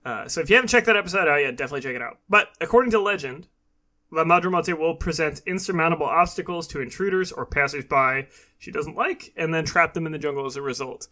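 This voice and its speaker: Male podcast host, crisp bright edge, highish voice, conversational explainer. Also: fast. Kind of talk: casual podcast talk.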